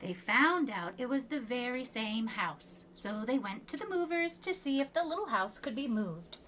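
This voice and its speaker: Reading aloud from a children's picture book, this preschool storyteller uses expressive, measured phrasing and emphatic pauses. Her voice is on the high side, and the low-quality recording carries a little hiss or hum.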